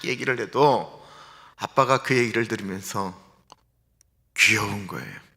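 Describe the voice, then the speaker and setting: A man's voice: lowish voice, unhurried, creaky, pushed and bright. A male pastor giving an early-morning sermon in a conversational way, asking the congregation rhetorical questions. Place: church sanctuary. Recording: livestream in a reverberant church hall.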